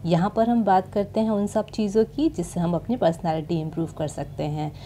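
A woman with an Indian accent hosting her channel and teaching English pronunciation, pronouncing each word clearly and carefully. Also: fairly low pitch, fairly even intonation, a little fast, warm tone, slight background noise. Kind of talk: slow, deliberate pronunciation lesson. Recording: music playing behind.

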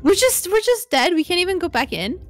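A woman playing a game with a friend, chatting calmly and wryly. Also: extremely high pitch, brisk, faint music behind. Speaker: guest co-player. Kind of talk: casual chat while gaming.

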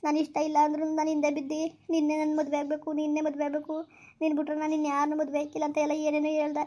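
A woman's voice: high-pitched, completely flat delivery, racing, dark tone, close to an everyday voice. A woman playing a desperate young woman who pleads tearfully and keeps repeating herself in a village comedy skit. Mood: hurt, accusing. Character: desperate young woman betrayed by her lover.

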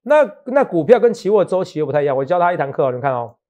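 A middle-aged stock show host with a Taiwanese Mandarin accent races along, very animated, in a fairly high voice with a darkish tone. Chatty and teasing on this casual market talk show, he jokes, laughs often, and keeps asking his co-host "好不好".

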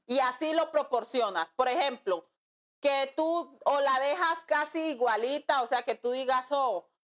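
She's a nail art instructor whose high-pitched voice stays unhurried as she teaches a live-streamed nail class. Reading viewers' comments, she chats with them warmly, calling them "mi amor" and "amiga."

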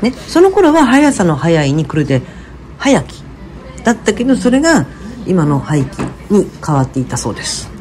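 A woman with a voice on the low side chats at a moderate pace during a casual walking vlog. The travel vlogger teases her companion in lively dialect banter.

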